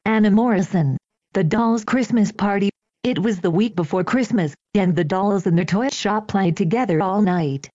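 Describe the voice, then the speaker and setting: A woman reading an old children's story aloud in a gentle, even storytelling manner. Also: mid-range voice, moderate pace, dry recording. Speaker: audiobook reader. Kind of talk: storybook narration. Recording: dull, dry lo-fi recording.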